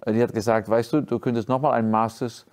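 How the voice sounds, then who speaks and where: Dutch man speaking halting German. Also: medium pitch, steady tone, a little mellow. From Friesland, Netherlands. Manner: halting German with frequent restarts and fillers. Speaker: trombone professor, guest. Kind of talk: interview conversation. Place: dark studio stage, indoors.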